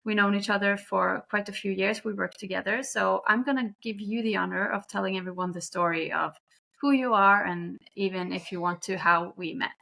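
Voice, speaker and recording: A woman's voice: mid-range voice, creaky, bright, forceful tone. A Norwegian woman with a Norwegian accent hosting a podcast in a chatty, joking way. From Norway. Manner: chatty and friendly, quick to joke. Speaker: podcast host. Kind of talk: casual podcast chat.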